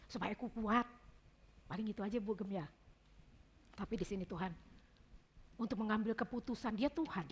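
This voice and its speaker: A woman's voice: medium pitch, moderate pace, long pauses, husky. A woman giving an informal devotional talk at a prayer gathering, chatty and telling personal stories as she addresses her listeners affectionately. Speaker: devotional speaker.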